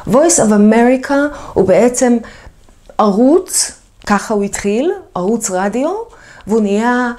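Lively woman teaching a video lesson. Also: on the high side. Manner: lively, emphatic explaining, repeats key words. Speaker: English teacher.

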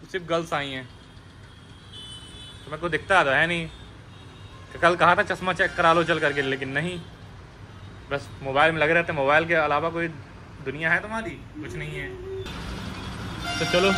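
A travel vlogger from Lucknow, India, chats playfully and teasingly while vlogging casually outdoors at a hotel. His voice is fairly high-pitched and sharp in tone, with a little hiss or hum in the recording.

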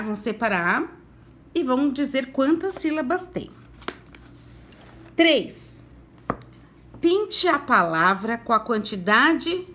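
A Brazilian woman teacher leads a recorded lesson for small children. Her speech is slow and unhurried, and her voice sits a little high and rises and falls in a lively, sing-song way as she coaxes them along. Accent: Brazilian Portuguese. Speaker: primary school teacher.

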